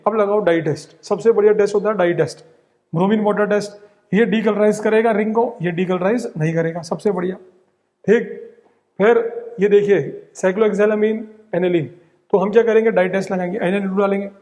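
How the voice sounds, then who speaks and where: A young man with a high voice, runs through exam-prep chemistry rapidly and keeps checking in with his students. His voice carries a long reverb, as if lecturing in a large hall. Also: a little mellow. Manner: rapid, drilling, repeats "ठीक" and "बहुत simple". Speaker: chemistry teacher.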